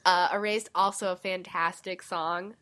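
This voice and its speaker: A woman's voice: lowish voice, fairly even intonation, a little slow, fairly bright tone. A woman with a nasal voice co-hosting a casual chat, talking with lots of "like" fillers. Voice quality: nasal right now. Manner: chatty, with many "like" fillers. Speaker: podcast co-host.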